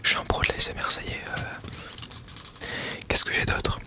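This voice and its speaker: A man's voice: moderate pace, bright, forceful tone. A man whispering breathily in a casual ASMR style, chatting about products with a tongue-in-cheek, mock-solemn manner into a small wireless mic. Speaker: ASMR video creator. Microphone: small clip-on wireless mic being tested.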